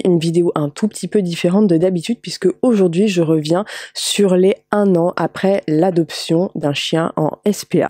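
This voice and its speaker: A woman's voice: on the low side, dark tone, dry recording. A woman with a slight slushy lisp on her s sounds, chatting casually and explaining things informally as a vlogger. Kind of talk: casual chat to camera.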